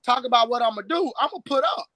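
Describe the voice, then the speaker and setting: Here a strength and conditioning coach, late thirties, holds forth boastfully on a live-stream video call, hammering points and repeating words. His very high voice is pushed and bright, rapid-fire, with lively intonation and no room sound.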